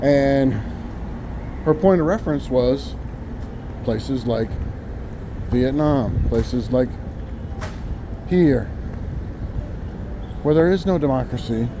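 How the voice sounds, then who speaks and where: A man's voice: mid-range voice, expressive, takes it slowly, pauses often. American man rambling over noisy street traffic. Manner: rambling, musing, informal. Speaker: vlogger. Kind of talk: casual walk-and-talk monologue. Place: outdoors on a city sidewalk, walking. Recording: outdoor street with loud traffic noise. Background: passing cars and trucks.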